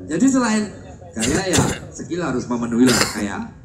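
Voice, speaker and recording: A man's voice: mid-range voice, very animated, normal speed, loud music behind the voice. A man, a guitarist doing rambling, self-mocking stage banter between songs while he has a cold. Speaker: guitarist performing live. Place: live concert venue. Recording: roomy, distant live recording.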